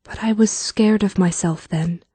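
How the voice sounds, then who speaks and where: A man's voice: sits high, unhurried, mellow, slightly rough, dry recording, voice pushed up. Man doing a young woman warrior, blunt, determined, earnest, lifted voice, dry audiobook sound. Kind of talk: audiobook character voice.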